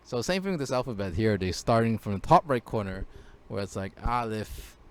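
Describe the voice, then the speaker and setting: A man's voice: lowish voice, expressive, a little fast. A man teaching a casual screen-share language lesson, hesitant, with many fillers and restarts.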